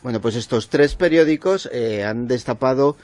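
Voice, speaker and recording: A man from explaining a news story on a radio show, measured and somewhat hesitant. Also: medium pitch, darkish tone, no echo. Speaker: radio contributor.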